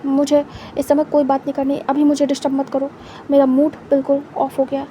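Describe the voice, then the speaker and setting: A woman's voice: high-pitched, monotone, fairly quick, mellow, a little hiss or hum, close to an everyday voice. A woman voicing a young man in a spoken story, a cold, irritated lover who speaks curtly. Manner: curt, irritated.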